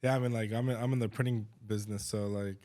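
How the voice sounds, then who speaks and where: Man, interviewer, fairly low pitch, mellow dark tone, informal, agreeable, conversational. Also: steady tone, quick pace. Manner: informal, agreeable, frequent "like" and "you know". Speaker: interviewer, host.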